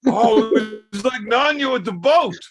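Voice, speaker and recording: A man's voice: very high voice, animated, a little slow, vocal fry, faint music behind. A man joking around in casual chat, teasing others with crude banter while a little drunk. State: tipsy.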